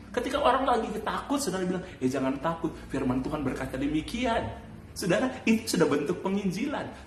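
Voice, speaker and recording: A male pastor preaching a sermon and telling a story, with lively jumps up in pitch and laughter in his voice. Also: reverberant, a little hiss or hum. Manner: animated storytelling with sudden high bursts and laughs. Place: church.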